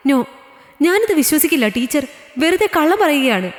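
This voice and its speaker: Here is a woman playing a worn-out working mother, complaining and defensive, who talks in a slightly high voice. She protests and pleads in a storybook reading. The long reverb gives the voice an echoey ring. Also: lively intonation, normal speed, lightly acted. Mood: defiant.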